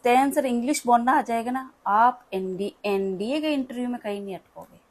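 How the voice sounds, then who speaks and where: A woman's voice: a little high, normal speed. A woman, tutoring at home in a patient, explanatory, chatty way. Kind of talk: casual home lesson.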